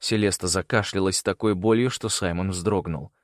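A man reading an audiobook in scripted narration, expressive and voicing each character. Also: sits low, normal speed, dry recording, clean studio sound.

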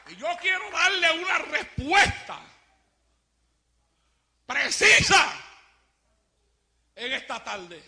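Fiery shouting preacher man, high and bright. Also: creaky. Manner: fiery shouting preacher who drops to low, quiet asides. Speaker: pastor. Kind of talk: impassioned sermon.

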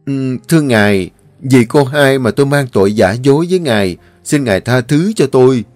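A man's voice: mid-range voice, lively intonation, normal speed, darkish tone, no echo, soft background music, voice pushed up, natural voice. A man reading the part of a humble male steward apologising for a deception. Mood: apologetic.

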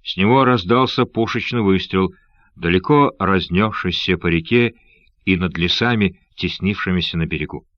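A low-voiced male narrator reading an adventure story in a steady, measured manner. The recording is dry with no room sound and a slightly dull, lo-fi tone. It sounds like a classic audiobook. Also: dry recording. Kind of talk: scripted narration of an adventure novel.

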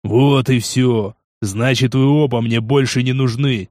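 Man playing a slow sneering gang boss. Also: medium pitch, fairly even intonation, darkish tone, no echo, studio quality, close to an everyday voice. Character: cruel cold male gang boss, scornful and cynical. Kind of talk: audiobook character voice.

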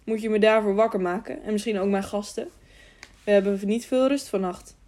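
A grumpy, sleep-roused innkeeper in a storybook tale, voiced by a woman narrator. He answers gruffly and curtly, grumbling about being woken and about his stiff legs. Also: medium pitch, fairly quick, darkish tone, natural voice. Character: grumpy sleepy middle-aged male innkeeper.

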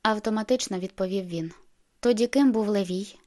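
A woman narrating an audiobook in the first person, with steady, measured storytelling. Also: medium pitch.

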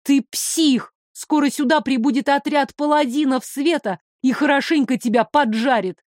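A woman voicing a panicked young man with a shrill squealing voice in an audiobook. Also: sing-song, slow pace, darkish tone, no room sound, clean studio sound, exaggerated voice. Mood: terrified.

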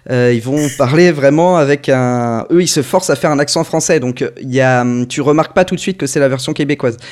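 French male podcast co-host, conversational and digressive, average pitch. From France. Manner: rambling, self-correcting, conversational. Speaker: podcast co-host reviewing a fan dub. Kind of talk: casual group podcast chat.

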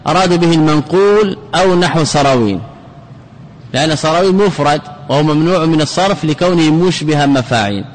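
A man's voice: on the high side, fast, low-quality recording. A man teaching a classical grammar lesson, asking questions and answering them himself and repeating key words.

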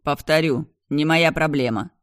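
A man's voice: medium pitch, steady tone, moderate pace, a little mellow, no room sound, clean studio sound, close to an everyday voice. A reader voicing a cold, menacing powerful man who answers curtly in an audiobook. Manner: icy, curt, venomous. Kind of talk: audiobook dialogue.

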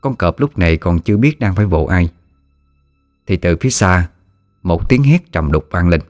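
A man narrating a ghost story in a steady storytelling manner. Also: deep voice, normal speed, dry recording, studio quality. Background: soft music.

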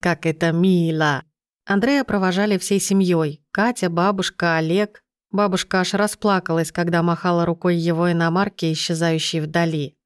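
A woman reads a novel aloud in a measured, even way. Her voice sits on the low side and sounds dry and close, with no room around it. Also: smooth, no echo. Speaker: audiobook narrator. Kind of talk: scripted narration.

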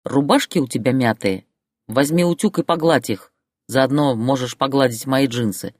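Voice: medium pitch, moderate pace, dry recording, close to an everyday voice. A fed-up wife , voiced by a narrator, who snaps back with mocking, biting retorts in a lifted voice. The read is dry and close, with no room sound. It is an audiobook character voice. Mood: cutting. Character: fed-up wife, adult woman, turning sharp-tongued.

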